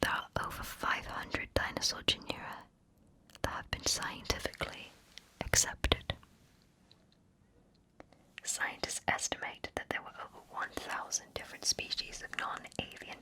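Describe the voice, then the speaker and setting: Recorded on a close ear-to-ear stereo microphone, an ASMR narrator whispers scripted facts right by the listener's ear from start to finish. The delivery is unhurried, and the recording quality is low.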